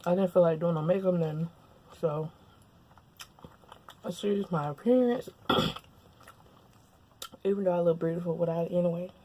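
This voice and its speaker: Mukbang host: young woman from Louisiana, lapel mic at home, mellow lowish voice, relaxed chatter between bites. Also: measured pace, long pauses. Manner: relaxed, chatty, talks with mouth full. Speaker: mukbang vlogger. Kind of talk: casual chat while eating. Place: at home, indoors.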